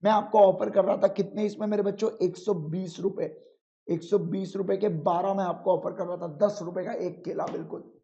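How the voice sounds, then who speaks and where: A man teaching law in an online exam-prep lecture, calling students "my children", asking check questions, and reading rules slowly. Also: high-pitched, steady tone, vocal fry, dark tone. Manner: reads legal rules slowly and with emphasis. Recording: dull lo-fi sound.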